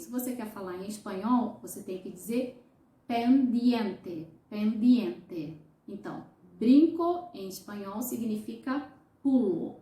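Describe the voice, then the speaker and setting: A Brazilian woman teaching a language lesson, speaking slowly and deliberately and repeating each word for clarity. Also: on the high side, warm tone, reverberant. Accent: Brazilian Portuguese. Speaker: Spanish teacher.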